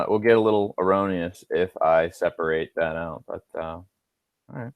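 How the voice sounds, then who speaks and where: A man with a fairly low voice talks through homework answers as he works on screen. He speaks casually, thinks aloud, and slips in dry offhand asides. The sound is close and dry, with no room in it. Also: no echo. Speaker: instructor. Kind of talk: screen-recorded homework walkthrough.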